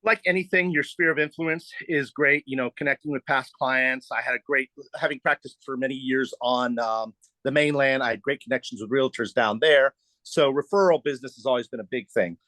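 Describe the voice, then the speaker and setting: A man's voice: medium pitch, a little fast, pushed and bright, no room sound. A middle-aged man, a real estate agent, explaining at ease with fillers as a podcast guest. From United States. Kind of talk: podcast interview.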